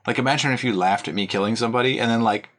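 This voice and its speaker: A man's voice: mid-range voice, very fast, a bit bright. A man co-hosting a podcast in casual chat, musing hesitantly and filling his talk with "like". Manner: musing, hesitant, many "like" fillers. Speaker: podcast co-host.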